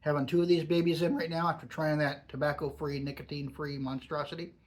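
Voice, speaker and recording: A man's voice: on the high side, flat delivery, fast talker. A man giving a casual, off-the-cuff product review with a lip full of dip pouches, savouring and stressing his words as he goes.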